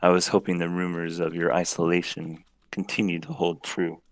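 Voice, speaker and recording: A man's voice: low-pitched, monotone, normal speed, no echo. A man voicing a scornful female archdevil who talks in a cold, mocking way. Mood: sneering. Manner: sneering, sardonic.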